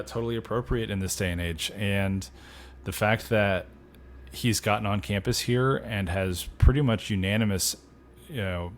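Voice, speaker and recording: Low-voiced man co-hosting a sports podcast. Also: a little hiss or hum. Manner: measured, conversational, dry humor. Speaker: podcast co-host. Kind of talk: casual sports podcast chat.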